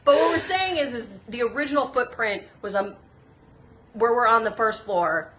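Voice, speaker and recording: A woman's voice: on the high side, normal speed, noisy background. A woman giving a chatty, enthusiastic tour of an old house, restarting her sentences as she goes. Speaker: history museum staff giving a house tour. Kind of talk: casual chat while touring a house.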